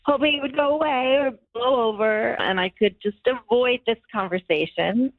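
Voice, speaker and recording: A woman's voice: a little high, moderate pace, no room sound. A woman talking to radio hosts over a phone line, sounding awkward and uneasy as she explains herself at length. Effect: heard over a phone line. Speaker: caller on radio show. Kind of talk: candid phone conversation.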